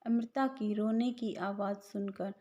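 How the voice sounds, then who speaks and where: A woman storyteller giving slow, measured scripted story narration on a slightly dull recording. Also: mid-range voice, fairly even intonation, warm tone.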